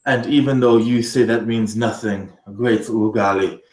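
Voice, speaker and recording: A man's voice: lowish voice, fairly even intonation, reverberant, a little hiss or hum, natural voice, poor audio. A man playing a nervous, pleading court vizier. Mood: relieved. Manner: pleading, stammering, hurried. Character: anxious scheming male court vizier.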